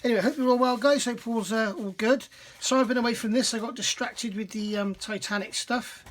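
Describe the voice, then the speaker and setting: A man's voice: very high-pitched, steady tone, brisk, a bit bright. A man hosting a scale model building channel, talking casually at his workbench in a rambling, self-deprecating way, his throat dry and catching now and then. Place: home hobby workbench.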